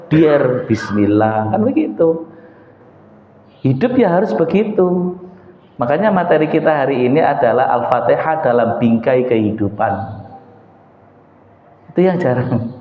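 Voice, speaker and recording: A man with a Javanese accent giving a religious study talk as a preacher, drilling the sounds of letters slowly and deliberately. His voice swings high and low, recorded in a large hall. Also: lively intonation. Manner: slow and deliberate, voice rising and falling sharply. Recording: echoey hall, dull lo-fi sound.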